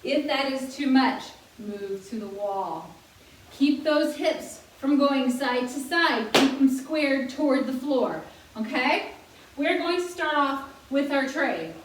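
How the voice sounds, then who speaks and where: A woman with a high, bright voice leads a seniors' exercise class at an unhurried pace. She chats and jokes between cues, and her voice sounds far from the mic in a very echoey room with a faint hiss. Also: expressive. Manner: chatty, laughing, counting out moves. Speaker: fitness instructor. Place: fitness room.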